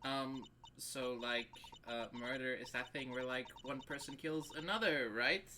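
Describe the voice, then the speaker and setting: A man voicing a ditzy, slow-witted young college woman with a vague, hesitant way of talking in a game read-through. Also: mid-range voice, fairly even intonation, noisy background, natural voice. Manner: vague, hesitant, filler-laden.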